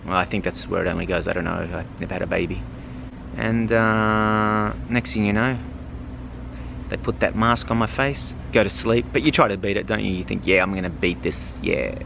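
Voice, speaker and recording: A man's voice: lowish voice, steady tone, moderate pace, gravelly. A man with an Australian accent, casually and frankly telling his own story as a vlogger, swearing freely. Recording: noisy with vehicle hum behind.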